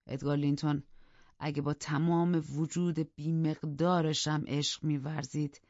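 A man's voice: gravelly, no room sound. Scornful obsessive young man, as a male reader puts him on, intense, dry close recording, slightly muffled. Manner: intense, scornful, with low whispered asides. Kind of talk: audiobook character reading.

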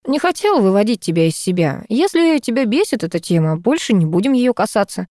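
A woman voicing a calm, kind young male neighbor in an audiobook. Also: medium pitch, a little fast, no echo, studio quality, natural voice. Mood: gentle.

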